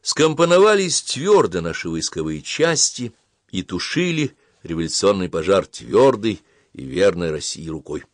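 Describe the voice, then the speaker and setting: Low-voiced guy narrating a historical novel, lively dramatic delivery. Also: moderate pace, no room sound, clean studio sound. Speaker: audiobook narrator. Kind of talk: historical novel audiobook reading.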